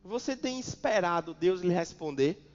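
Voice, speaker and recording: Brazilian pastor guy preaching, kinda high voice, repeats stuff a lot, long church echo. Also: lively intonation, normal speed. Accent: Brazilian Portuguese. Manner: preaching with repetition and sudden loud emphasis. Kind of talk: sermon. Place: church hall. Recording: dull church recording with long reverb.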